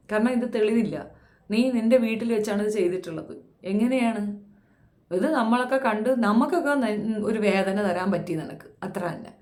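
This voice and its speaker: A woman's voice: mid-range voice, darkish tone, roomy sound. A woman giving a blunt, impassioned commentary, scolding and firing rhetorical questions at young women. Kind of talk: impassioned social commentary monologue.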